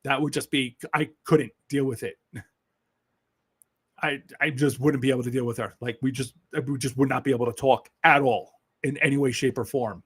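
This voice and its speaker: His voice is mid-range and slightly rough, with fairly even intonation at a normal pace. This New York-accented Brooklyn man hosts a casual political livestream, talking bluntly and sarcastically, swearing freely and laughing often.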